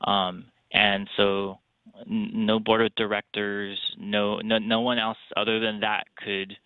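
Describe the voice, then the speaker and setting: A man calling in over a landline phone from his office, explaining things in a halting way with many pauses as a tourism bureau staffer. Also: lowish voice, level tone, smooth, dry recording. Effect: heard over a landline phone. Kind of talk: casual chat. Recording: dull, dry landline phone line.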